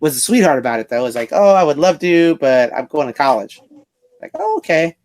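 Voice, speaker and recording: A man's voice: mid-range voice, lively intonation, a little mellow, poor audio. A man hosting a casual podcast, thinking aloud as he reads through a list. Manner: slow, thinking aloud while reading a list. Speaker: podcast host. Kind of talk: casual chat.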